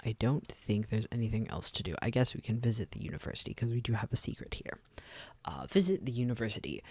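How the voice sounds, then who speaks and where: A streamer playing a video game, reading the game's text aloud with frequent ums and quick side comments into a close desk mic. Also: mid-range voice, lively intonation, darkish tone, husky.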